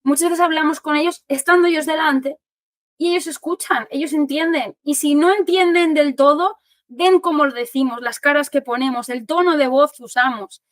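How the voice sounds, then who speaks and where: Spanish woman occupational therapist, high voice, animated explainer. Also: normal speed, no echo. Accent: Spanish from Spain. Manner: animated, explanatory, acts out quotes. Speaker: occupational therapist giving a talk. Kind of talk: informal talk to families.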